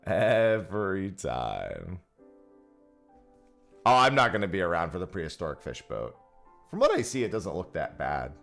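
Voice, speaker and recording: Man, livestream headset audio, chatty gamer, deep-ish voice, animated delivery. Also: normal speed, gravelly, pauses often, faint music behind. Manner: chatty, joking, thanks viewers for gifts. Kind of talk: casual livestream chat while gaming. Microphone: headset mic, livestream audio.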